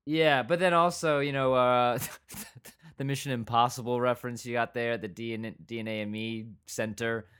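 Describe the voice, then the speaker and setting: A man co-hosting a casual podcast, talking loosely and wandering into quoted asides. His voice sits at an ordinary middle pitch. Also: fairly even intonation, moderate pace, fairly bright tone, clean tone. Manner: rambling, full of restarts and quoted asides. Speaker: podcast co-host. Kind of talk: casual review chat.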